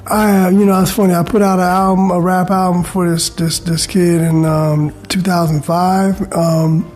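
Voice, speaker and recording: A man's voice: high-pitched, little pitch movement, normal speed, a little mellow, faint music behind. A middle-aged man from California talking casually and informally as an interview guest. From California, United States. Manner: conversational, informal, often says "you know" and "man". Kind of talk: casual chat. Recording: faint background noise.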